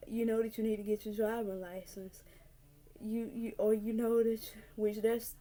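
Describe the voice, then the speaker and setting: Young woman, 19, mellow warm voice, earnest, repeats herself, casual vlog to camera. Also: mid-range voice. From North Carolina. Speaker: vlogger. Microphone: camera mic.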